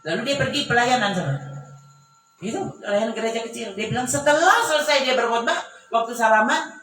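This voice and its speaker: Animated Manado woman preaching in an echoey church. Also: fairly high pitch, fairly quick. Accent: Manado Malay. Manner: animated, swings from hushed to loud exclamations. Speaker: pastor. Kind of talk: sermon storytelling. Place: church hall. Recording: echoey church hall, mic far off, faint background noise.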